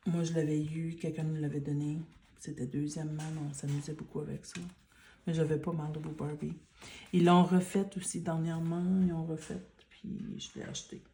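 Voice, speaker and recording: A woman with a Quebec French accent, speaking in a hushed library-like murmur in soft-spoken ASMR style and mixing in English words. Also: low-pitched, level tone, moderate pace, slight background noise. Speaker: ASMR creator.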